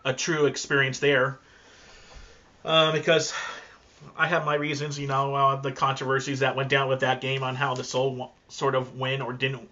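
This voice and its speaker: Rambling man with a bright voice. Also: mid-range voice, completely flat delivery, normal speed. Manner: rambling, with many fillers and restarts. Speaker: podcast host. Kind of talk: casual conversation. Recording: dull lo-fi sound.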